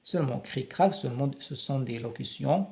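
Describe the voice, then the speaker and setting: A man teaching French reading, saying syllables and words slowly and repeating them so learners can copy the sounds. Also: mid-range voice, creaky, mellow. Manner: slow, deliberate, repeats words to model pronunciation. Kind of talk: slow syllable-by-syllable reading lesson.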